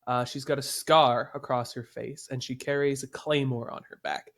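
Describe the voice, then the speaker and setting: A man running a tabletop role-playing game over voice chat. He describes scenes at a measured pace, with many small "uh" pauses as he searches for words. His pitch sits in a typical middle range. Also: steady tone, creaky, a bit bright. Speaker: game master.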